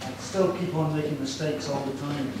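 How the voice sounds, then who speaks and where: Background noise, echo and a far-off microphone mark this clip of a Scottish storyteller in his sixties casually showing students a drawing he made. He mocks himself, chats freely and puts questions to the audience, his fairly high voice steady at a normal speed.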